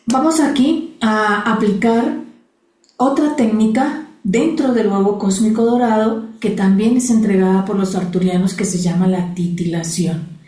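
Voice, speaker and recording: A woman teaching a guided meditation in slow, soothing, repetitive phrases. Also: mid-range voice, warm tone, echoey room, low-quality recording. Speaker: spiritual teacher.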